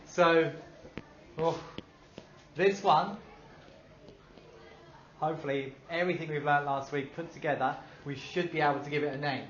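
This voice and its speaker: A man's voice: on the high side, steady tone, normal speed, long pauses, a bit bright. A male teacher giving a classroom lesson, upbeat, asking the class questions and praising their answers. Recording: dull echoey classroom recording.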